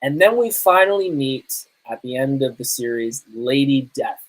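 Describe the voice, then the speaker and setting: Over poor-quality audio, a podcast host chats and reviews things live at a normal speed. His mid-range voice is animated, and his casual talk wanders, with frequent self-corrections.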